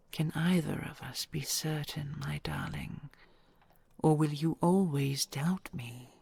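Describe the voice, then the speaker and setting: A woman voices an ancient dragon queen, a tender yet possessive lover, in an intimate romantic audio roleplay. She speaks in a deep, exaggerated, breathy whisper, hushed and formal with archaic phrasing. There is no echo.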